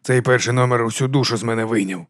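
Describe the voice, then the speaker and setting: A man voicing a jittery, excitable male police officer in an audiobook, blurting out his shaken words. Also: medium pitch, fast, dry recording, clean studio sound, lightly acted. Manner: rattled, blurting curses.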